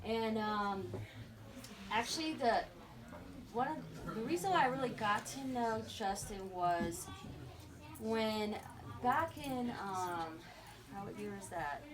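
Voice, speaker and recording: Animated middle-aged woman storytelling at a memorial, far from the mic, people murmuring around. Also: a little high, slow, pauses often. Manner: animated, acts out quoted voices, laughs often. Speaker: memorial speaker. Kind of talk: personal storytelling. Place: memorial gathering. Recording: distant mic with crowd around.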